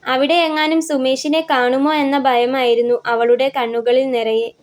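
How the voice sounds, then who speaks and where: Woman reading out a story, high voice, steady storyteller pace. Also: unhurried. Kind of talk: scripted story narration.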